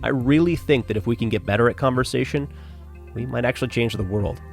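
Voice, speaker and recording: Faint music plays behind a man hosting a podcast, whose medium-pitched, creaky voice moves at a quick pace. He keeps things informal and appreciative through casual chat and an outro, often saying "man" and "dude."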